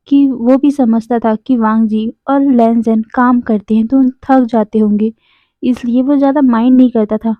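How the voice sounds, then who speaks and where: A woman's voice: on the high side, no room sound. Woman retelling a story over a thin line. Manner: plain, steady storytelling with small restarts. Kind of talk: casual retelling of fan fiction. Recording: dry, phone-like narrow sound.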